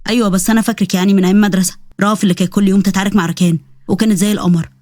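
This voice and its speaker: A woman's voice: medium pitch, steady tone, racing, darkish tone, dry recording, clean studio sound, voice pushed down, lightly acted. A woman voicing a cocky, teasing young male college student with an Egyptian accent, speaking in a smug drawl.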